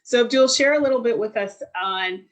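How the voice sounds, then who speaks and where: A woman's voice: a little high, fairly quick, poor audio. A woman hosting an interview, who encourages her guest and sums up his story in a casual way. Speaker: host.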